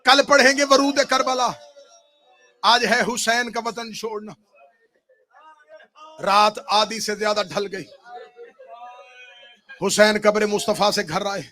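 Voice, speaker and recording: A man with a Pakistani Urdu accent giving a Muharram majlis sermon, crying out in lament and then dropping to hushed, weeping narration. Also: sits high, little pitch movement, pauses often. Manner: wailing, swings from shouted cries to hushed weeping delivery. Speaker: Shia majlis orator.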